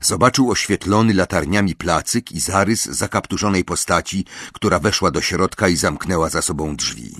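A man reading a fantasy audiobook aloud, with expressive storytelling narration. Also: low-pitched, moderate pace, hardly any pauses, husky. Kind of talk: scripted narration.

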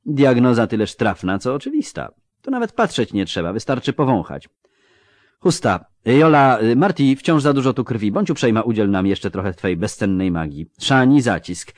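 A man's voice: medium pitch, big pitch swings, moderate pace, dry recording, pitched above the performer's own voice, lightly acted. Male narrator playing a cool, mocking halfling surgeon, clipped clinical orders, raised voice. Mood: brisk, sardonic. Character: sardonic halfling field surgeon, male, unflappable.

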